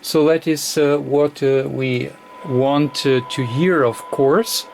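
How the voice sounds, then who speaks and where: A medium-pitched man with vocal fry demonstrates radio gear off the cuff at an indoor electronics bench, the hiss of a radio receiver in the background. As a technician explaining his work, he halts, breaks off and hesitates constantly.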